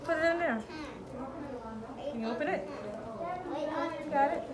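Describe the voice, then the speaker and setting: There's a roomy feel to this classroom, where a group of children chatters as a woman teaches them hands-on. Her high voice stays unhurried as she repeats short instructions and offers encouraging praise.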